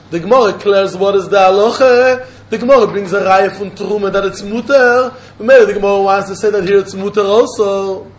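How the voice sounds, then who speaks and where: A man with a Yiddish accent teaching an informal religious lesson, insistently repeating his phrases as he explains and questions. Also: high-pitched. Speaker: Talmud teacher. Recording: echoey room with faint noise.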